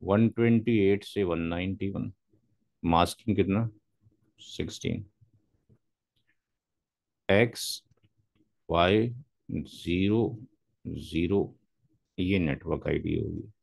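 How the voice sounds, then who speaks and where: A man's voice: deep voice, slow, vocal fry, pauses often, a little mellow, dry recording. A man teaching a classroom lecture as a networking instructor, methodically spelling out numbers step by step.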